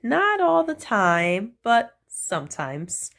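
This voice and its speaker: With a voice on the high side and a touch of vocal fry, a woman leisurely narrates a picture book for children. Her pitch swoops wildly, and she plays up the punchlines with fun emphasis. The whole reading moves at a gentle, deliberate pace.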